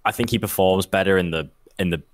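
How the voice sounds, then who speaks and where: A man's voice: deep voice, fast, no room sound. A man co-hosting a casual gaming podcast, thinking aloud as he talks. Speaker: podcast co-host.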